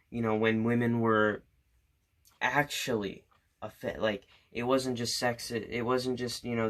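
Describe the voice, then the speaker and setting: A young man in his late teens rants to camera about his grievances, sarcastic and indignant. His pitch sits in the middle. He stumbles over restarts and leans on fillers as he builds his case. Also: fairly bright tone. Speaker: student vlogger. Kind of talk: opinion rant to camera.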